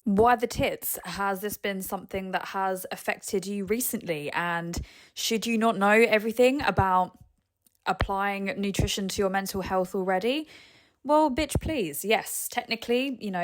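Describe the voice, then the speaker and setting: A woman hosting a solo podcast, chatting casually and candidly to listeners in a cheeky, emphatic, sweary way. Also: medium pitch. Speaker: podcast host and nutritionist fitness coach.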